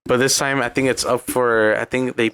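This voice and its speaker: A man's voice: mid-range voice, little pitch movement, moderate pace, crowd noise. A young man with a Californian accent, co-hosting a casual podcast and retelling a video in a rambling way full of "like". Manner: rambling, filler-heavy retelling with lots of "like". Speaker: podcast co-host. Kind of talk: casual chat.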